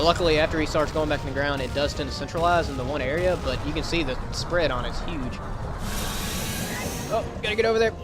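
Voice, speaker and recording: A man hosting a let's play, giving casual gameplay commentary in a chatty, joking way with theatrical outbursts at the game. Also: mid-range voice. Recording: game music under the voice. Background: game music and effects.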